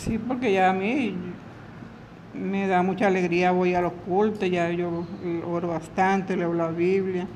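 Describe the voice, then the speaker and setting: A woman giving an emotional religious testimony in halting, repetitive speech, retelling her prayers in her own words. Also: lowish voice, steady tone, darkish tone, slight background noise, low-quality recording. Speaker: church member giving testimony.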